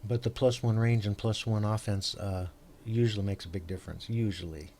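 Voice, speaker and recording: A man's voice: fairly low pitch, fairly even intonation, darkish tone, a little hiss or hum. Rambling man explaining game rules. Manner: rambling, halting, heavy on fillers and restarts. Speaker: host explaining rules to an opponent. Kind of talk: casual tabletop game chat.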